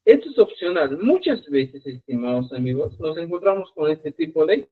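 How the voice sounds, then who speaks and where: A man teaching a live online Quechua lesson, repeating examples slowly and checking in with his students. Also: on the high side, very animated, slightly rough. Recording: tinny phone-like live stream audio.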